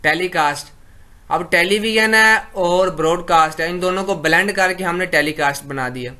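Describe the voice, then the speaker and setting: A male lecturer from Pakistan with a slightly high, bright, forceful voice. He reads each English definition out slowly, then explains it in easygoing conversational Urdu.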